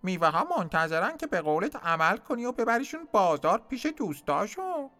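Give voice to a cawing old crow: the voice shoots very high and swings widely as he hollers his calls. A friendly bird in a storybook. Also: sing-song, full character voice. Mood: calling. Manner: cawing, calling out loudly.

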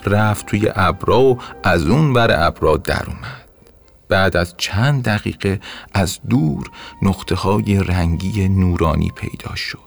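A man narrating a bedtime story in a gentle, expressive way. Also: sits low, gravelly. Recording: soft music under narration.

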